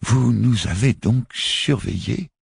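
A man voicing a grave, measured religious leader in an audiobook. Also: low-pitched, very animated, a little mellow, breathy edge, no room sound, clean studio sound, voice pushed up, heavily acted. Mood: solemn. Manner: solemn, measured.

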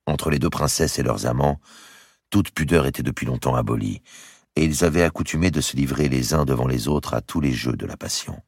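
Un homme qui lit un roman historique en livre audio, avec une narration expressive. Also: male voice, very deep voice, brisk, no echo, studio quality. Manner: expressive storytelling. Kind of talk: audiobook reading.

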